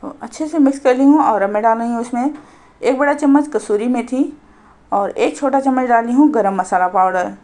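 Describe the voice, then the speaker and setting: A woman hosting a cooking channel, calmly narrating a recipe step by step as a voice-over. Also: a little high, fairly quick. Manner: calm, instructive, explains each step.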